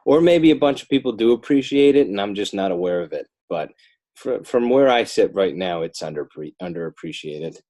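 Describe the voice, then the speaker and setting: On the low side and warm in tone, this American man's voice is animated and moves at a moderate pace. He's a podcast guest from northern New Jersey, an author and illustrator, chatting casually in an interview while rambling and making self-deprecating jokes.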